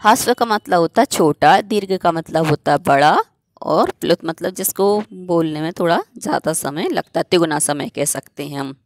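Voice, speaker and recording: A woman's voice: deep voice, moderate pace, no echo. A woman teacher giving a grammar lesson, explaining step by step and asking herself questions before answering them.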